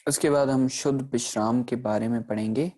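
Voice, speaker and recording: Male teacher, warm low-toned delivery, patient step-by-step explaining with frequent check-ins. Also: fairly even intonation. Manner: patient explaining, checks in often with "theek hai"; slows down to sound out example words. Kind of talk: recorded online grammar lesson.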